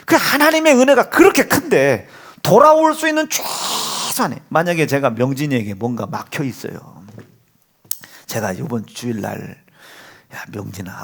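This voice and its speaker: A middle-aged man preaches in a church sanctuary, his husky voice full of lively swings in pitch. He tells a family story from the pulpit, acting out each voice and slipping into quiet whispers. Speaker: pastor. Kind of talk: sermon.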